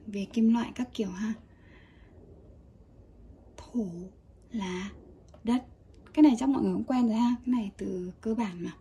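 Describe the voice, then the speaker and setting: A woman teaching a casual Japanese kanji lesson, chatty and relaxed with small laughs. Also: on the high side, slightly rough.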